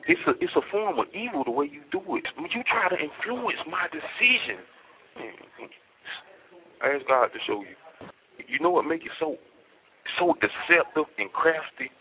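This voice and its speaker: A man talking on a prison payphone call, rambling and preachy, quoting scripture and turning heated and accusing. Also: fairly high pitch. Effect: prison payphone line. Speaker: inmate on a prison phone call. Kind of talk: rambling phone talk. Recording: tinny phone line with music behind. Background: music.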